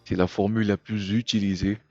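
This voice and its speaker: A man's voice: on the low side, level tone, a little fast, warm tone, no echo, muffled recording, faint music behind. A man teaching English pronunciation and greetings in a patient, explanatory way, often checking in with "ok?". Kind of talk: explanatory language lesson.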